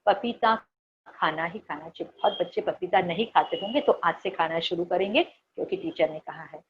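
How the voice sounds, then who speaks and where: Brief: middle-aged woman teacher, Marathi accent, lowish voice, coaxing and repetitive, slightly dull home recording with faint hiss. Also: moderate pace. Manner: coaxing, repeats words, asks and answers her own questions. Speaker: primary school teacher. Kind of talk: online lesson teaching children vocabulary.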